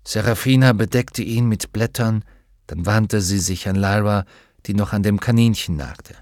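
A man narrating a fantasy audiobook in a measured, expressive reading. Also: lowish voice, dry recording, studio quality. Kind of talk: scripted narration.

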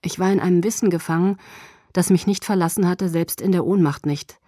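A woman reads a novel aloud in the first person, soft and hushed, sometimes near a whisper. Her voice is low, mellow and breathy. The sound is close and dry. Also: fairly quick, no room sound. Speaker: audiobook narrator.

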